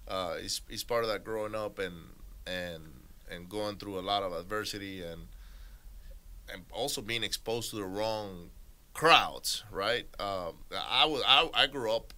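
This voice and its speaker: A man's voice: lowish voice, a little slow, sharp tone. A man from Venezuela hosting a casual interview, chatty and upbeat, prompting his guest with questions.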